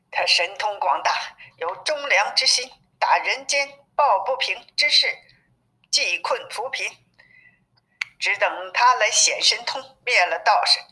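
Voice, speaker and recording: A woman's voice: mid-range voice, bright, forceful tone. Woman reading as weary, pleading suffering monks. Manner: pleading, lamenting. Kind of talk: storybook reading. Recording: narrow phone-like sound.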